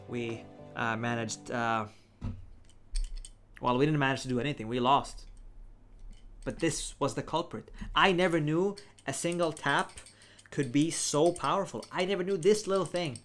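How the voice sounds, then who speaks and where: With faint music behind him, a male vlogger whose voice runs slightly high recounts a mishap, laughing frequently and playing out his own reactions. His delivery is casual and lively yet unhurried, with frequent pauses.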